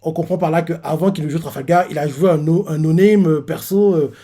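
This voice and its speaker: A man's voice: a little high, fairly quick, warm tone, breathy edge. A man hosting a manga reaction channel, retelling scenes in a rambling, casual way. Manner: rambling, full of fillers and restarts.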